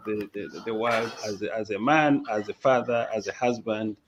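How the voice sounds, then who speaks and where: A man's voice: lowish voice, steady tone, normal speed. A man, a guest on an online panel, speaking thoughtfully and hesitantly with many fillers. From Uganda. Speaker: panel guest, mental health advocate. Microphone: video call. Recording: dull video-call audio, faint noise.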